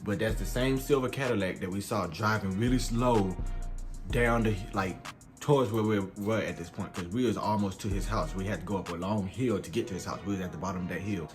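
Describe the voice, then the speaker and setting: A man's voice: on the low side, fairly quick, soft background music. A young man vlogger telling a storytime in a casual, rambling, slangy way. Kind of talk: storytime vlog.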